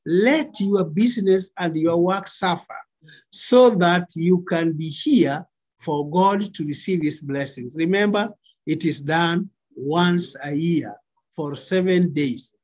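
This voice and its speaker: A middle-aged male pastor with a Kenyan accent preaches over a video call. His voice is fairly high and rough-edged. He speaks very slowly, setting out each phrase with emphasis. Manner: deliberate, emphatic phrasing with pauses. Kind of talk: spoken sermon exhortation on a video call. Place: small indoor room. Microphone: computer mic on video call.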